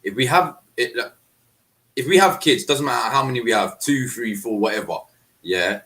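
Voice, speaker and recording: A man with a bright, forceful voice at a medium pitch. He chats casually as a football fan podcaster. His talk is slangy and emphatic, with phrases repeated for effect. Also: moderate pace. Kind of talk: casual chat.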